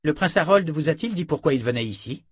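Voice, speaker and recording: Brief: man reading a proud warrior woman, raised pitch, husky, cold command. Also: animated, fast, no room sound, clean studio sound. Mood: questioning. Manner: commanding, indignant. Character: stern young woman warrior leader.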